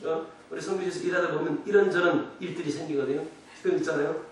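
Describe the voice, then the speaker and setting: A man with a high, bright preaching voice delivers a revival sermon from a distance in a very echoey church. He moves between hushed pleading and loud, emphatic outbursts. Faint room noise sits behind him. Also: fairly even intonation, quick pace. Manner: impassioned preaching, swings from soft to loud shouting, acts out scolding parents. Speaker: pastor. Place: church sanctuary.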